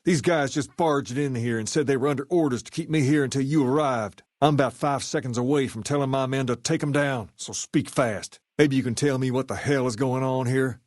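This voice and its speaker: An actor playing a swaggering, folksy gang boss in a video game, with a laid-back Southern US drawl. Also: male voice, mid-range voice, brisk, hardly any pauses, darkish tone, no room sound, studio quality, natural voice. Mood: indignant, defiant. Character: swaggering, folksy gang boss who idolizes a rock-and-roll singer. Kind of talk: video game character dialogue.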